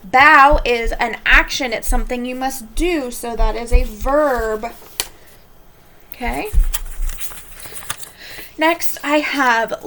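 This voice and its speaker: A woman teacher giving a recorded lesson, explaining clearly and stretching key words slowly for emphasis. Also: high voice, bright, forceful tone, a little hiss or hum.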